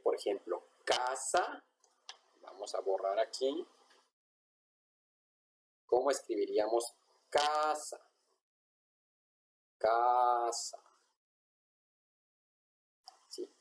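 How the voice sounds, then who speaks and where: A man, teaching a language class at a whiteboard. He is patient and says each example word slowly, more than once. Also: mid-range voice, darkish tone, poor audio.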